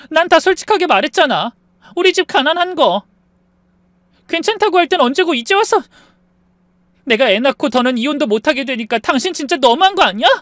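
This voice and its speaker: Man voicing a shrill, tearful young wife. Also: fairly bright tone, dry recording, studio quality, exaggerated voice. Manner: shrill, raised voice, accusing.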